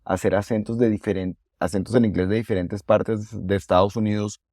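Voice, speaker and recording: A man's voice: lowish voice, steady tone, brisk, dark tone, no room sound, studio quality. A man hosting a podcast interview as an English coach, talking in a conversational and enthusiastic way and often repeating a word before going on. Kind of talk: casual interview.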